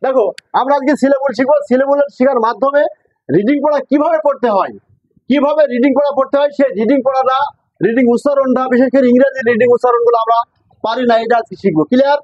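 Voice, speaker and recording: A man's voice: very high voice, fairly even intonation, fast, no echo, highs cut off. A man teaching a classroom English lesson, mixing English and Bengali and drilling students with call-and-response questions.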